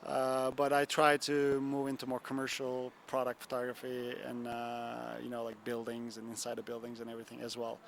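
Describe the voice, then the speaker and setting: This young Turkish photographer speaks at a moderate pace in a mid-range, creaky voice with completely flat delivery and hardly any pauses. Interviewed at a bar and grill, he rambles with lots of fillers and "you know what I'm saying," amid a little hiss or hum.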